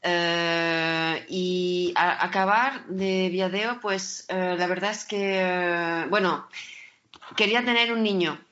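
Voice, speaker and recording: Female podcast guest, non-native, bright forceful voice, halting word searches, slightly dull recording. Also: on the low side, steady tone. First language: not Spanish. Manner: hesitant, searching for words in Spanish. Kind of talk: casual conversational interview.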